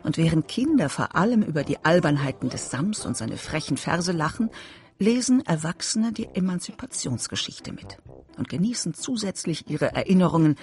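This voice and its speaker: A narrator reading a scripted radio feature in a measured, even way. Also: mid-range voice, soft background music.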